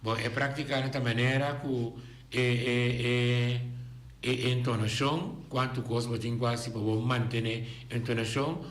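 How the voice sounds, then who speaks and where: A man with a Bonaire accent, a singer guest in a radio interview, talking haltingly and repeating his words often. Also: mid-range voice, level tone, reverberant.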